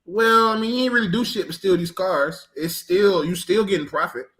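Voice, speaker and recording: A man co-hosting a casual TV recap podcast. He talks with eager enthusiasm and piles up repeated words for emphasis. His voice sits a little high for a man. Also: normal speed, pushed and bright. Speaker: podcast co-host. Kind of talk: casual chat.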